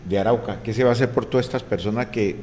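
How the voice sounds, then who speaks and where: A man's voice: on the low side, fast talker, darkish tone, a little hiss or hum. A middle-aged man hosting a studio interview, rambling and repeating words into a desk mic. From Colombia. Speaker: radio host. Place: small radio studio.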